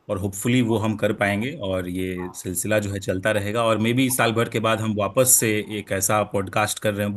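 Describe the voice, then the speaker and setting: Young guy cohosting a podcast, easygoing chat, laughs a lot, bit of faint hiss. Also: lowish voice. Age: young adult. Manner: laughs often, drawn-out conversational wrap-up. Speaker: podcast co-host.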